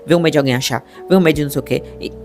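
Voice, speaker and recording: A young Brazilian woman with a Brazilian Portuguese accent, telling her personal story to her viewers in a chatty, animated way. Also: low voice, rapid-fire, faint music behind. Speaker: vlogger.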